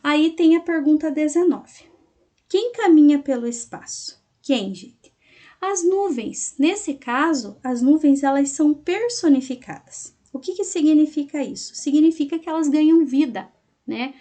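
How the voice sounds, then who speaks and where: A woman teacher explaining a lesson to her class slowly, syllable by syllable, and checking in often with her students. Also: sits high, expressive, warm tone.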